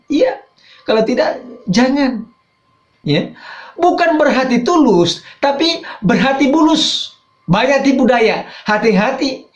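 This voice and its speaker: A male pastor delivers a sermon, his voice leaping up for emphasis and sinking into hushed asides. The sound is roomy, with plenty of echo from the space around him. The recording itself is dull and a little muffled. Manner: emphatic preaching that swings between loud high phrases and low quiet asides.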